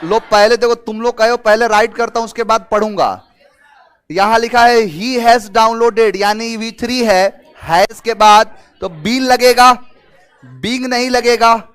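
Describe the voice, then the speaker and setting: A man's voice: extremely high pitch, measured pace, smooth. A man teaching English vocabulary to students, explaining in Hindi mixed with English terms and asking them questions. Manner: lively and talkative, gives everyday examples. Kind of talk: online exam-prep class.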